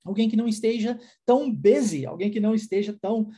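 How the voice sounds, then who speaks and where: A woman teaching an online language lesson. She explains patiently, drills pronunciation by repeating words slowly, and keeps checking in with the listener. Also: medium pitch, warm tone, slightly rough. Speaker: English teacher.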